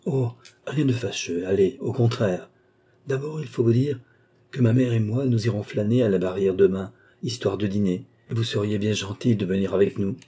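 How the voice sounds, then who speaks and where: Storybook young cabinetmaker, earnest and gentle, low voice, read by a male narrator. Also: moderate pace, slightly rough. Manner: gentle, earnest and warm-hearted.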